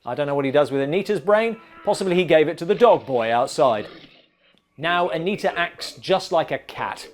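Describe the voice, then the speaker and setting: A man's voice: fairly high pitch, animated, normal speed, noisy background. A man hosting a comedic bad-movie review, narrating with dry sarcasm. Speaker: film reviewer host.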